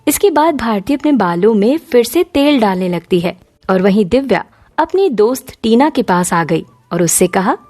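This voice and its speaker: A woman narrating a moral cartoon story in an even storytelling manner. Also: on the high side, normal speed, soft background music.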